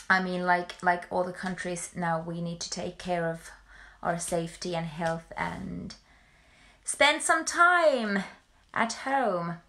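Young woman chatting casually, haltingly. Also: on the low side, fairly bright tone. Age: young adult. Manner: hesitant, halting, frequently repeating words. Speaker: musical performer livestreaming to followers. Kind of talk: casual livestream chat. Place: small bedroom at home, indoors. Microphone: phone or webcam at arm's length.

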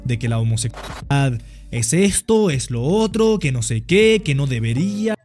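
A man's voice: mid-range voice, sing-song, moderate pace, a little mellow, faint music behind. A man from Spain narrating video commentary in a casual, slangy storytelling way. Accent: Spain Spanish. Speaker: commentary youtuber.

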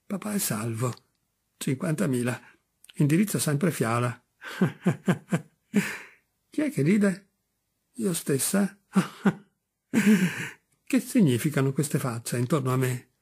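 Husky man reading a novel dramatically. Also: fairly high pitch. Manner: dramatic first-person reading, swinging between raised cries and hushed murmurs. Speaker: audiobook reader. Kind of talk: unabridged literary audiobook reading.

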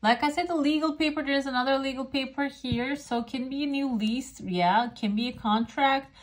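A woman's voice: high voice, normal speed. A woman who is a non-native English speaker, talking casually as a fortune teller giving a reading straight to the viewer. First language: not English. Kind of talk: casual coffee cup and oracle card reading to camera.

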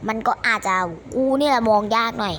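A woman giving crude, joking, fast-talking commentary on a mobile game, speaking close to a phone mic. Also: on the high side, a bit bright, slight background noise. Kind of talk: casual gameplay commentary. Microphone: phone mic held close to the mouth. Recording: game music and sounds behind voice.

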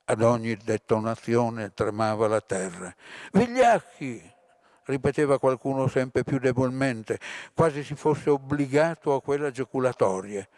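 A male lecturer reads a novel passage aloud in a measured, expressive way. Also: mid-range voice, dry recording. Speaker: literature lecturer. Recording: dry close recording.

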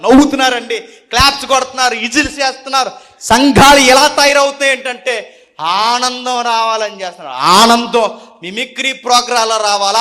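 Fiery high-voiced man preaching. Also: bright, forceful tone. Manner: fiery and scolding, with rhetorical questions. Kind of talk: live sermon. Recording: long reverb of a large hall.

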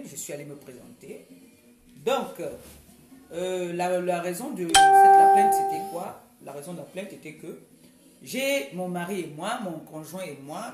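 A woman's voice: fairly low pitch, a little mellow. Emphatic woman vlogging in an echoey room. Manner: emphatic, repetitive, with many hesitations. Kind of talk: casual vlog monologue.

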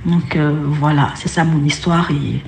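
A woman's voice: sits low, steady tone, a little slow, vocal fry, a little hiss or hum. A woman casually telling a ghost story, hesitant, with many fillers and restarts. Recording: roomy echo.

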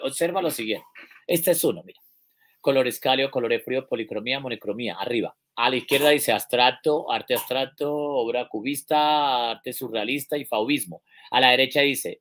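A man teaches an online class for teachers at a middle pitch. He walks through each example step by step, counts items out loud and often asks whether everyone is following. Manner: explains step by step, counts items aloud, checks in with listeners. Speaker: teacher trainer.

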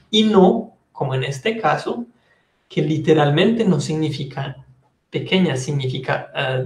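A man with a Colombian Spanish accent teaching a French lesson, patiently explaining and repeating phrases slowly. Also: on the high side, roomy sound. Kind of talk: online language lesson.

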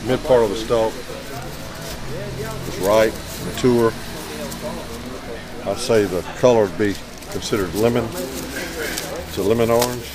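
A man who buys tobacco explains the quality of the leaf in a casual, matter-of-fact way, with some halting restarts, inside a warehouse. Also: fairly low pitch, a crowd in the background, rough recording. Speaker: tobacco buyer explaining grades.

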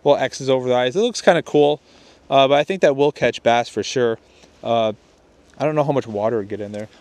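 A young man with a mid-range, slightly mellow voice hosts a fishing video, talking a little fast as he rambles through a casual gear test on a lakeshore and keeps restarting his sentences. The recording is dry, captured outdoors on a chest-mounted camera.

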